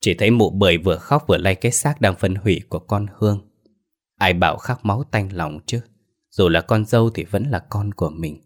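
A man narrating a folk horror story in a low, deep voice. His telling is plain and earthy, steady through the scenes. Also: brisk.

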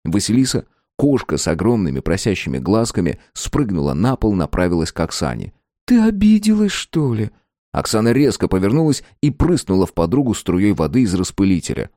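A man narrating an audiobook in an expressive storytelling manner. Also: deep voice, a little fast, hardly any pauses, dry recording, studio quality.

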